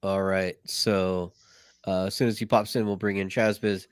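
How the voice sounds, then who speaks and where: A man's voice: deep voice, little pitch movement, normal speed, clean tone, no echo, clean studio sound. A man hosting a podcast, running segments in an easygoing way with lots of agreeing. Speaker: podcast host. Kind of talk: casual podcast chat.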